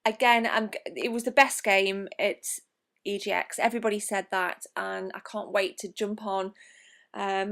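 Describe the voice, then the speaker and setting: A woman's voice: medium pitch, creaky, a bit bright. A young woman narrating her gaming convention vlog in a chatty, enthusiastic way, with frequent ums and the odd swear word. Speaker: gaming vlogger.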